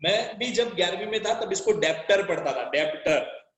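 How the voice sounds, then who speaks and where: A man teaching commerce in a classroom, his voice sitting high as he repeats key terms and fires quick questions at his students. The room rings with echo around him. He acts out small everyday scenes to explain each idea. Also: expressive, fairly bright tone. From Gujarat, India. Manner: explains with role-play examples, repeats key words, quizzes students; switches between Hindi and English. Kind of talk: classroom lecture. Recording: echoey classroom.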